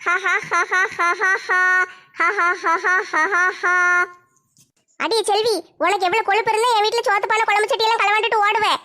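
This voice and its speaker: A woman acts a village housewife in a comedy skit. She scolds and shouts complaints. Her voice sits very high. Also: fairly even intonation, very fast, few pauses, faint music behind.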